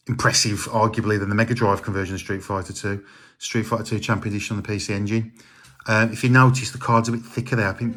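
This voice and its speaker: A middle-aged man, chatting casually about his retro game collection with lots of ums and uhs. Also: lowish voice. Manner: relaxed, rambling, many ums and uhs.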